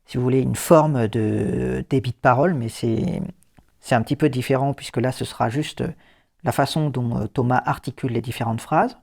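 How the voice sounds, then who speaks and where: A man's voice: medium pitch, normal speed, creaky, darkish tone. A man hosting a casual phone accessibility tutorial, explaining settings with fillers and the odd dry joke. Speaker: host. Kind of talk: casual screen-reader tutorial.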